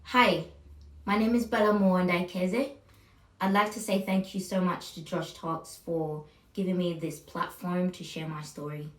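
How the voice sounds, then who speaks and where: A young woman in her twenties with a fairly low voice tells her own story. She speaks reflectively, with pauses, fillers and restarts. She is recorded a little way off from the mic in a roomy, echoey space. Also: steady tone. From Burundi. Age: 20s. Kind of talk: personal testimonial talk. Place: room where she records her video. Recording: roomy, slightly distant mic.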